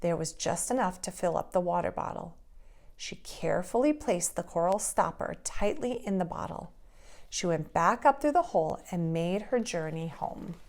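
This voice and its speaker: Preschool teacher reading a story to kids, expressive, low and gravelly. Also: female voice. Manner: expressive, slow storytelling pace. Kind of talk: children's story read-aloud.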